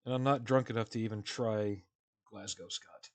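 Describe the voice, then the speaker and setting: A man live streams from home as he builds a model kit, chatting with viewers in a relaxed, rambling manner full of fillers and chuckles. His voice is on the low side, at a moderate pace.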